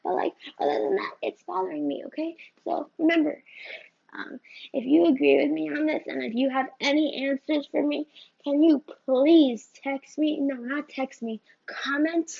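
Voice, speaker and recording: With a high-sitting voice, vocal fry and a normal speaking speed, this woman vlogs a rambling rant to the camera. Her "right?" and "you know?" come up often, and the phone recording is slightly muffled.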